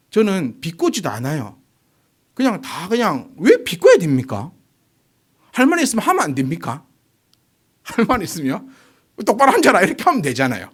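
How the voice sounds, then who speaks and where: A pastor in his forties preaching a sermon, firing rhetorical questions at the congregation. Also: fairly high pitch. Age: 40s.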